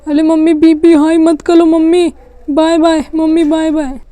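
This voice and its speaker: These are mischievous child dolls begging their mother, acted by a woman. The voice is high and smooth with a soft, mellow tone. It sits dry and close to the mic. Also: fairly even intonation, takes it slowly, no room sound. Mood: panicky. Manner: whiny, begging, cutesy baby talk. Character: pleading mischievous little kid dolls. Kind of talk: doll story play-acting.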